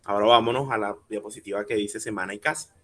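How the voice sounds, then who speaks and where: A man teaching a workshop over a video call. He patiently explains step by step, asks the audience questions and slowly spells out syllables. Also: lowish voice, fairly even intonation, sharp tone. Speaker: workshop speaker teaching rhyme. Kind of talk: online workshop lecture.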